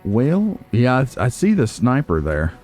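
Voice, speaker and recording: Over background game music, this let's play host talks through his game in a relaxed way, tossing in wry asides as he muses. He speaks unhurriedly in a medium, slightly mellow voice whose pitch swoops wildly.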